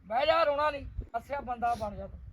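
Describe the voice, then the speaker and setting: A man with a very high voice scolds and threatens in a rural comedy sketch. He flares into loud shouting bursts, then drops to a soft, coaxing tone. Faint outdoor noise sits behind him. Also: a little fast, far from the mic, poor audio.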